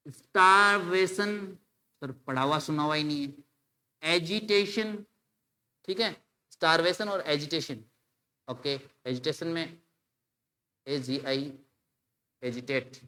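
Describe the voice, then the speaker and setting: Male teacher, bright, slightly high voice, casual classroom explaining. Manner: explains in Hindi mixed with English terms, spells words letter by letter; addresses students casually as "bhai". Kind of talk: exam-solution video lecture.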